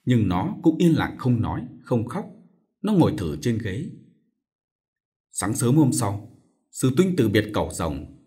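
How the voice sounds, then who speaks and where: A man narrating a novel in an expressive, dramatic storytelling manner. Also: mid-range voice, unhurried, pauses often. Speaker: audiobook narrator.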